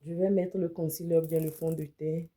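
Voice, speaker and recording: Her deep, warm voice stays level at a moderate pace as she casually shows off a wig in an unboxing demo. The speaker, a beauty vlogger and image consultant with a slight cold, sprinkles English words through her talk.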